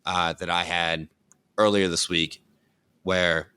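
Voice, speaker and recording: Casual chat co-host, low bright voice, dry close sound, rambling with fillers. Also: male voice, flat delivery, slow pace, smooth, no echo. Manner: rambling, thinks aloud with many fillers. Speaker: podcast co-host; dancer.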